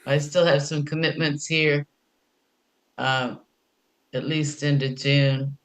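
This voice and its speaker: A man makes relaxed small talk on a video call, with a slightly high, level voice. He sounds a little distant from his microphone. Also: slow. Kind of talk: casual chat.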